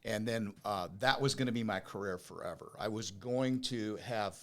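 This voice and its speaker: This Oregon man, a business owner in his fifties or older, speaks as an interview guest on a podcast, telling his story with rhetorical questions and emphatic repeats. His voice is lowish and fairly bright, at a moderate pace, with a whistling s caused by new teeth.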